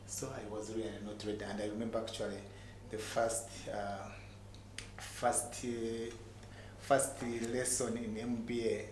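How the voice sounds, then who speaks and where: A middle-aged man with a Ugandan accent tells his personal story in a motivational way, haltingly, repeating words for emphasis. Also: lowish voice, flat delivery, a little mellow. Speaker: entrepreneur guest telling his story. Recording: echoey room with clear background noise.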